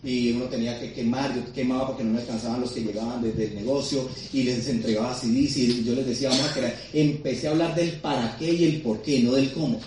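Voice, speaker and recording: An excitable motivational speaker with a mid-range voice tells stories at a sales seminar in a large hall. He talks fast and poses questions to the audience, and the recording is very echoey, with a distant mic and background noise.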